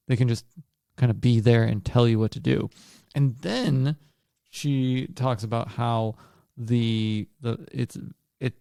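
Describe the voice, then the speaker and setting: A man's voice: medium pitch, creaky, a little mellow, no room sound, clean studio sound. A man co-hosting a book podcast, talking things through in a loose, thoughtful way with fillers and restarts. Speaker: podcast co-host. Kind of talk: casual book discussion.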